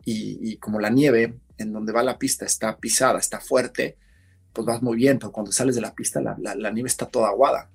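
A man, a podcast guest, telling a story in casual conversation, animated and acting out what others said. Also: mid-range voice, fairly quick, vocal fry, husky. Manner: animated storyteller, acts out shouted quotes.

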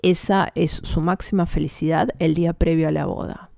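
A woman reading a scripted column about classic romantic comedies in a measured, explanatory way. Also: low-pitched, steady tone, creaky, warm tone, no echo, studio quality. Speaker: film columnist. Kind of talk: scripted narration.

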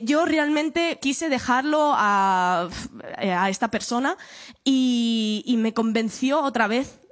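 A young woman talks openly in an interview, her voice sitting fairly high. She is candid and lively, swears without fuss and laughs as she tells her stories. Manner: frank and expressive, swears freely, laughs while telling stories. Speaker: guest, journalist and author.

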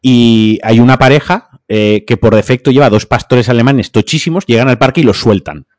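A man's voice: mid-range voice, brisk, a little mellow, no room sound. A man telling a story in casual podcast chat, blunt and heated, dry close mic.

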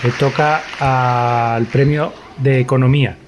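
Rambling Spanish comic storyteller. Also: male voice, mid-range voice, steady tone, slow pace, some chatter behind, a little hiss or hum. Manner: crude, laughing, rambling. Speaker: comedy show host. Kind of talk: joking storytelling.

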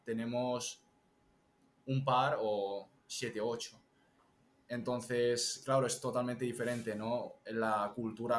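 A man's voice: medium pitch, a little hiss or hum. Young male guest in an echoey room. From Spain. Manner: lively, explains with examples. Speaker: guest, TikTok strategist. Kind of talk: casual interview chat.

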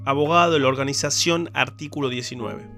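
A man hosting and narrating a documentary podcast in a measured, grave storytelling tone. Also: medium pitch, vocal fry, pushed and bright. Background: guitar music.

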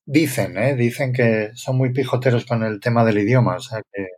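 A man's voice: medium pitch, moderate pace, a little mellow. A man who is a scientist co-hosting a podcast, explaining things with examples in casual chat.

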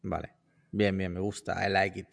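A man's voice: low voice, little pitch movement, normal speed, gravelly, no room sound. A man with a Spanish accent hosting a podcast, joking and reading listener questions aloud. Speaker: podcast host. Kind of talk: casual podcast chat.

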